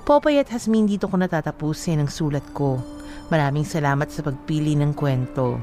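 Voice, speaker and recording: A woman with a Filipino accent co-hosts a radio show over background music, reading letters aloud and giving advice emphatically. Her voice is low and warm, and she talks fairly quickly.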